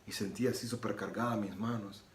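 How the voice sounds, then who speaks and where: Preaching his personal religious testimony, an earnest man from Nicaragua repeats phrases and re-enacts dialogue. He talks fairly quickly in a lowish voice with fairly even intonation, over a roomy echo, soft guitar music, and a little hiss or hum.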